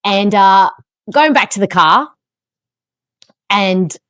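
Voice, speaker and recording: An Australian woman hosting a podcast, telling a story in an animated, self-mocking way. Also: mid-range voice, slow pace, smooth, dry recording, studio quality. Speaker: podcast host. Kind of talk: casual chat, storytelling.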